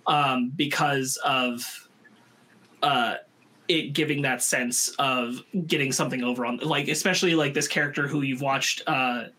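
Male podcast co-host, husky and bright, casual film chat, loose and rambling. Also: mid-range voice, steady tone, measured pace. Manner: rambling, many restarts and fillers.

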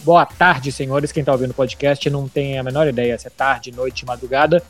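A man's voice: medium pitch, steady tone, a little fast, soft background music. A man with a Brazilian accent hosting an informal football podcast and telling anecdotes. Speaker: sports podcast host and journalist.

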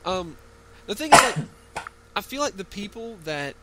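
A man's voice: high voice, very animated, unhurried, heavy background noise. A man co-hosting a podcast in casual, bantering conversation. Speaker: podcast co-host.

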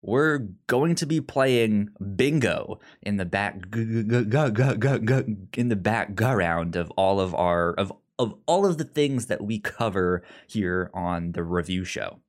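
Hosting a podcast, a man talks in a casual, conversational way, stammering and doubling up syllables as he goes. His lowish voice is expressive and unhurried, with hardly any pauses.

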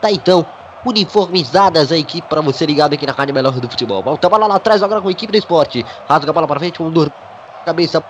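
A man's voice: fairly high pitch, animated, fast, a little hiss or hum. A Brazilian man doing live radio football play-by-play in a projected announcer's delivery, peppered with stock catchphrases.

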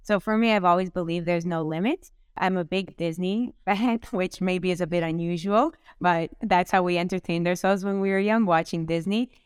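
A woman CEO answering interview questions in an earnest, measured way, often listing items. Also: fairly low pitch, clear, resonant tone, dry recording, clean studio sound. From Canada. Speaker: company CEO, guest. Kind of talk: podcast interview.

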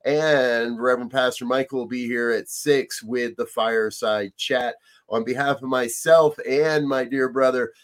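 A man hosting a casual talk show with a fellow minister, speaking earnestly and chuckling between points. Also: mid-range voice. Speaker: host. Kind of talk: casual chat on current events.

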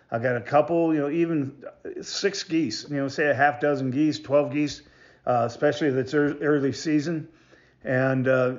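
A man giving a casual product demonstration as a maker of hunting calls, talking in a halting, rambling way and often repeating himself. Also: medium pitch, lo-fi sound. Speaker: goose call maker presenting products.

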